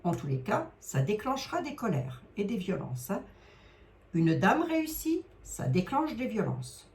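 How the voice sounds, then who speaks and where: A woman's voice: medium pitch, very animated, unhurried, darkish tone. A middle-aged woman with a Lorraine accent, doing a card reading in a hesitant, rambling way, with many fillers. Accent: Lorraine French. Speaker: psychic card reader.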